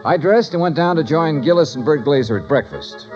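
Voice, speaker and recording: A man's voice: a little high, animated, brisk, a little mellow, soft background music, lightly acted. An actor playing a wry, hardboiled male investigator who narrates in first person and questions people in a dry, wisecracking way, in a 1950s radio drama. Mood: narrating. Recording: dull lo-fi 1950s radio recording.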